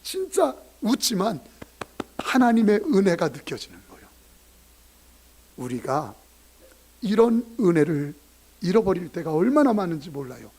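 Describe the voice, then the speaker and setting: A middle-aged man preaching from the pulpit, his husky voice sitting high for a man. He tells a story with lively, sweeping pitch, dropping to a hush and then rising loud again. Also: normal speed, pauses often. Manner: animated, dramatic swings between hushed and loud. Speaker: pastor. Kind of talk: sermon with storytelling.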